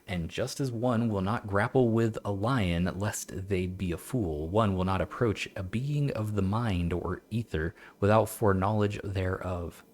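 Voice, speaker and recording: Deep-voiced man stumbling through game text. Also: a little mellow, a little hiss or hum. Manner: halting, stumbling reading of old text; self-mocking, laughs often. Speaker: streamer. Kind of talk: let's-play commentary with reading aloud.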